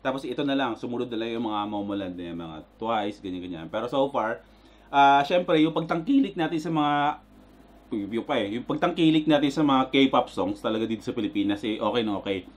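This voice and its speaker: A man with a Filipino accent hosting a casual reaction vlog, excitable and prone to loud exclamations, switching between Tagalog and English. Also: medium pitch, a little fast. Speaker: reaction video host.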